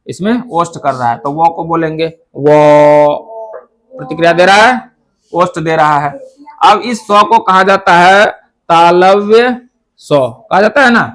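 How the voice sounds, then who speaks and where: A man teaching a Sanskrit pronunciation lesson, explaining step by step, asking questions and answering them himself, and saying each sound slowly to demonstrate it. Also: high voice, a bit bright.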